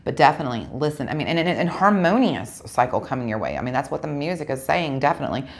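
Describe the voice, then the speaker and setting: Woman tarot reader, low gravelly voice, chatty and direct with viewers, casual. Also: sing-song, fast talker. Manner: chatty, talks straight to viewers, corrects herself aloud.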